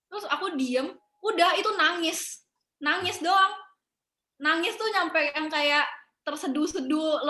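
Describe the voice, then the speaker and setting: A young woman, chatting as an interview guest in a relaxed way, mixing in English phrases and laughing often. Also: sits high, echoey room. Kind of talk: casual interview chat.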